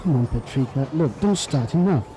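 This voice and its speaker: A man's voice: medium pitch, lively intonation, normal speed, dark tone, a little hiss or hum, lightly acted. A man dubbing a telenovela, playing an exasperated man who fends off a nagging woman. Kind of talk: dubbed telenovela acting.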